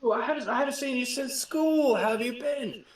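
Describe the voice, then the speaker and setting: A man's voice: extremely high pitch, a little fast, a little hiss or hum, pitched above the performer's own voice. A man voicing a jittery, nervous young woman pilot with a British accent. She stammers and rambles in an overly chipper way, and the recording is roomy with a distant mic.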